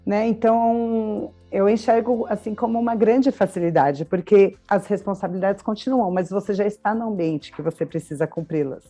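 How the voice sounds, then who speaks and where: Brazilian woman podcast co-host, thirties, warm mellow tone, chatty and explanatory, faint music underneath. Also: medium pitch, normal speed, few pauses. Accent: Brazilian Portuguese. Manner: chatty, explains with everyday examples and frequent tag questions. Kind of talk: casual chat.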